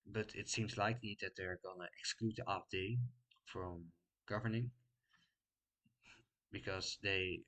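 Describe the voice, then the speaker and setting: A man with a Dutch accent gives casual commentary, his voice low-pitched yet bright and forceful in tone. He talks off the cuff and fills his gaps with frequent pauses as he explains each point. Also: fairly even intonation, poor audio. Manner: unscripted, many filler pauses while explaining. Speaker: political commentary vlogger.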